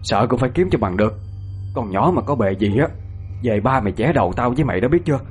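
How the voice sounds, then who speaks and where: A man with a Southern Vietnamese accent playing a bossy older mother who scolds in a brisk, nagging way. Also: medium pitch, expressive, soft background music, natural voice. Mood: stern.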